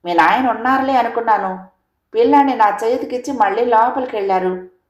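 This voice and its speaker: A woman voicing an elderly village mother who speaks gently and consolingly in a storybook reading. The recording has a roomy echo. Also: on the high side, a little fast, muffled recording, pitched above the performer's own voice, close to an everyday voice. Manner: gentle, consoling rural speech. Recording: echoey room.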